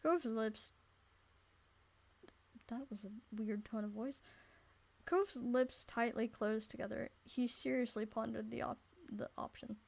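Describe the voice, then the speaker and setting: A woman's voice: a little high, slow, gravelly, pauses often, darkish tone, husky. A woman reading a visual novel aloud, stumbling over words and breaking off to joke and swear. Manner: reads aloud with many restarts, breaks off to comment and swear. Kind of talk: casual let's-play narration and chat.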